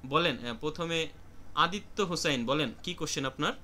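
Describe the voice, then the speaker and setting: A man's voice: fairly high pitch, normal speed, pushed and bright, slight background noise. A man with a Bangladeshi accent teaching Japanese vocabulary in an online class, explaining each word and calling on students.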